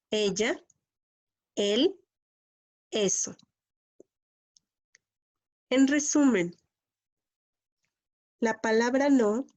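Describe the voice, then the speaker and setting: Woman, English teacher, patient lesson, repeats key words, slow delivery. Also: a little high, a little mellow.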